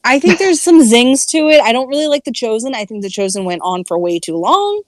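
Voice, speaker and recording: A woman co-hosting a casual chat, rambling with many fillers and trailing off quietly. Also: a little high, sing-song, a little fast, no echo, clean studio sound. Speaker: podcast co-host.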